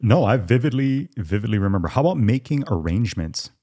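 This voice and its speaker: A man around forty with a very low voice, co-hosting a podcast in casual chat. He talks wryly and restarts his sentences often, in a dry room. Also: expressive, fast talker, dark tone, breathy edge, dry recording. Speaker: podcast co-host.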